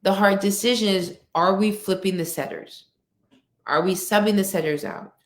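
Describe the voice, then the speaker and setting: Woman speaking steadily in an echoey room. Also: medium pitch. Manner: steady, measured delivery; emphatic, rhetorical "right?". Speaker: guest speaker. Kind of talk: conversational interview answer. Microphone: video call.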